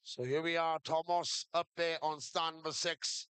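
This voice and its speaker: A male live commentator with a smooth, clear voice set a little high. He gives running play-by-play of a shearing contest in short phrases, heard dry and close. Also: steady tone, unhurried, bright, forceful tone, no room sound. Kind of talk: live sports commentary to a crowd.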